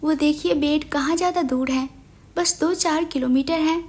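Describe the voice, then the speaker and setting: A woman reading the lines of a patient young woman who gently coaxes and soothes in a storybook romance. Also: sits high, moderate pace, lightly acted. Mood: soothing. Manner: soothing, coaxing.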